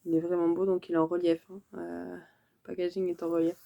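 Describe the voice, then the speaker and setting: Mellow-voiced woman, hesitant. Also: lowish voice, level tone, fairly quick, vocal fry, muffled recording, a little hiss or hum. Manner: hesitant and chatty, many fillers and self-corrections. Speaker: beauty vlogger. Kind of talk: casual unboxing vlog.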